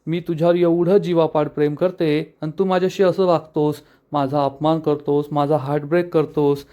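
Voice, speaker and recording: A woman's voice: sits low, steady tone, normal speed, warm tone, highs cut off, lightly acted. A man reading a heartbroken young woman. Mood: pleading.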